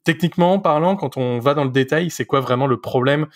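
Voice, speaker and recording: A man hosting a casual technical podcast interview, halting and heavy on fillers as he asks his questions. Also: on the high side. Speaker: podcast host.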